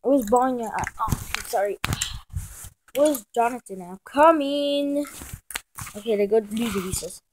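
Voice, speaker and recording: A woman doing fan machinima voice acting, switching between playing a teacher and schoolkids, with loud excited outbursts. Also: a little high, unhurried, long pauses. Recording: noisy home recording with clicks.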